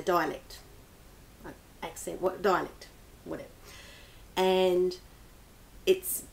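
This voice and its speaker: A woman's voice: medium pitch, a little mellow. A woman reviewing books in a casual, rambling vlog, with many restarts and small laughs. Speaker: book vlogger. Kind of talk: casual book review chat.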